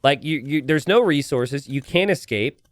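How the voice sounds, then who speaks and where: A man giving live, casual and joking video game commentary to a stream, prone to excitable, repeated exclamations. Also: on the high side, normal speed, no echo. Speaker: esports commentator. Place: indoors at a computer.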